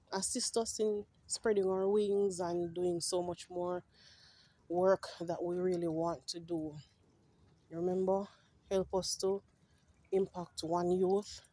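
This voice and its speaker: A woman's voice: on the low side, dark tone, dry recording. Passionate woman giving a greenhouse tour. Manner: passionate, often adds "right?"; clears her throat now and then. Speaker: farm project representative. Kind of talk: walking greenhouse tour talk. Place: inside a greenhouse.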